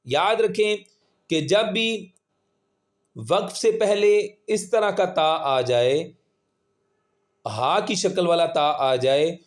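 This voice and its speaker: A man teaching Quran reading, spelling out syllables slowly and patiently and drawing out the vowels. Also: high-pitched. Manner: slow, patient, drawn-out syllables when spelling. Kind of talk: spelling-out recitation lesson.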